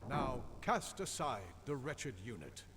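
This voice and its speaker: An actor voicing a wrathful, godlike machine in a video game, speaking like a thunderous prophet in grand, archaic commands. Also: male voice, mid-range voice, very animated, slow, a bit bright, a little hiss or hum. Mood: stern, commanding.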